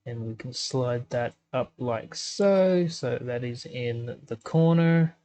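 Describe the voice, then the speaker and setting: A man's voice: mid-range voice, slow, dark tone. A man giving casual commentary while editing a game map, thinking aloud with lots of ums. He has the hiccups. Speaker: gaming YouTuber.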